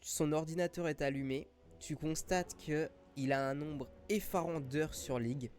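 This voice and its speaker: A man's voice: a little high, moderate pace, darkish tone. A man improvising tabletop game narration as game master, in a casual, slangy way.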